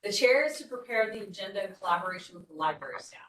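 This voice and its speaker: A woman's voice: mid-range voice, lively intonation, very fast, a bit bright, a little hiss or hum. A woman city staff presenter giving a board training, talking conversationally and explaining with frequent restarts. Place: meeting room. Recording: echoey meeting room, distant mic.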